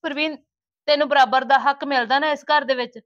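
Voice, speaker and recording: A woman playing a young working daughter-in-law who calmly reasons back against her in-laws, in a family drama. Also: high-pitched, fairly quick, no echo. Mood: firm. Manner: reasoning, firm. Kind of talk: village family drama acting. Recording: dull lo-fi sound.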